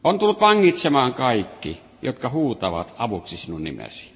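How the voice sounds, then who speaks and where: A man's voice: mid-range voice, wildly swooping pitch, a bit bright. A man preaching a sermon, reading and explaining scripture with rising and falling emphasis. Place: hall. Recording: long reverb of a hall.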